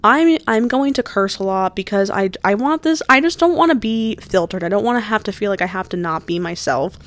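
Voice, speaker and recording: A woman in her early twenties from New Jersey hosts her own podcast solo, chatting casually and rambling with lots of fillers and restarts. Her mid-range voice is animated and brisk.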